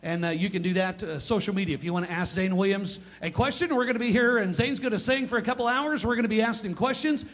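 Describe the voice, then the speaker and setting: A man's voice: high-pitched, fast, hardly any pauses, a bit bright. A man hosting a live radio show, upbeat and welcoming.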